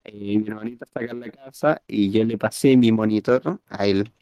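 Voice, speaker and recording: A man's voice: on the low side, steady tone, fairly quick, warm tone, clean tone, dry recording, highs cut off. A man with a Chilean accent co-hosting a casual chat, rambling and tripping over words as he reads aloud. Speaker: podcast co-host.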